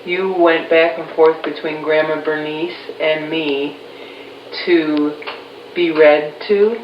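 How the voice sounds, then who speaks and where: A woman in her fifties from Chicago, recalling her childhood in a relaxed family interview with pauses. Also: low voice. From Chicago, USA. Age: 50s. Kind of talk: casual recorded family interview. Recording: roomy, distant, dull, faint hiss.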